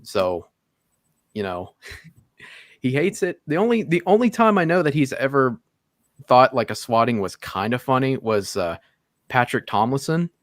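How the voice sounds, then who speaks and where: A man's voice: medium pitch, very animated, a little slow, long pauses, no room sound, clean studio sound. A man appearing as a guest on a live stream, talking casually and at length, swearing and leaning on "like" and "you know" as he laughs. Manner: rambling and profane, with constant "like" and laughter. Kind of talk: casual conversation.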